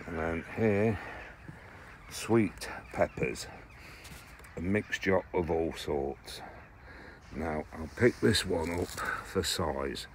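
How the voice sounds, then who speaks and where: With a deep voice, drawn-out words and frequent pauses, an English man in his sixties chats casually to camera about his allotment harvest. The vlogger rambles and corrects himself often, and a little hiss or hum runs under the recording, made partly outdoors among greenhouses and plots.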